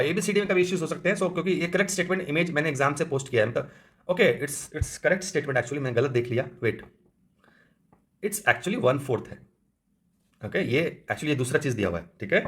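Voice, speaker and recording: A man's voice: on the high side, fairly bright tone. Indian man teaching a quiz walkthrough. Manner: reads English text slowly, then explains in quick Hindi asides with frequent "theek hai"; corrects himself mid-explanation. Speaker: exam coaching teacher. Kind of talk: quiz answer walkthrough lesson.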